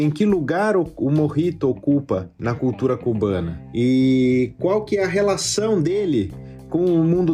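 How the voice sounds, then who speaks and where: A man co-hosting a casual podcast about cocktails, explaining things in a relaxed, chatty way. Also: mid-range voice. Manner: relaxed, explanatory, many fillers. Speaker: podcast co-host, bartender.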